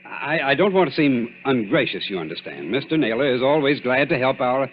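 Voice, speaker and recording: A man plays an officious private secretary in an old-time radio drama. He is fussy and indignant, with animated pitch. The recording is dull with faint noise. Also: fairly quick, lightly acted.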